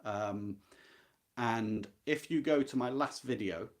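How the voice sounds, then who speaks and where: Slowly and at medium pitch, a man hosts a book club, talking live and casually about a classic novel. His manner is reflective and earnest, with emphatic stress.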